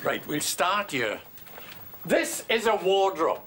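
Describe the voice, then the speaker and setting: A man's voice: sits high, big pitch swings, slow, noisy background, heavily acted. An actor playing an eccentric older Welsh father-in-law in a sitcom, rambling and teasing. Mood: chatty. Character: eccentric old Welsh grandad, nosy and dotty. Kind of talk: sitcom acting.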